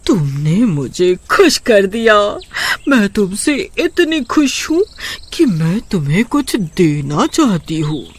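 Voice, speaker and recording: A woman voicing a rich, hungry female witch in a cartoon, drawn-out and sing-song. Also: mid-range voice, very animated, slightly rough, heavily acted. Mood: delighted. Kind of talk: cartoon voice acting.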